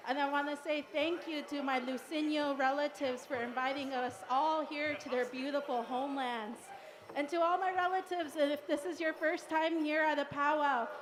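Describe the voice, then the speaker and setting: A woman from Arizona giving an earnest, formal greeting speech over a PA as a pageant titleholder. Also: high voice. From Rock Point, Arizona, United States. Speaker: pageant titleholder addressing crowd. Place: powwow arena over PA. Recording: live PA with crowd behind.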